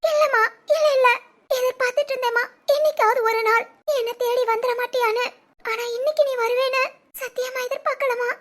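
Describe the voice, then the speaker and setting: Very high, tearful young daughter, as a woman voices her. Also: steady tone, fairly quick, fairly bright tone. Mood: tearful, pleading. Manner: sobbing, pleading, childlike. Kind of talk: cartoon voice acting.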